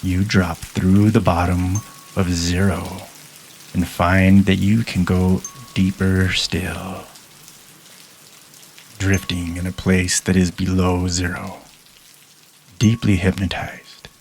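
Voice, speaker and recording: Deep, slow, calm male hypnotist. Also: a little hiss or hum. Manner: soft, calm and measured, with long pauses. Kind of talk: guided hypnosis induction.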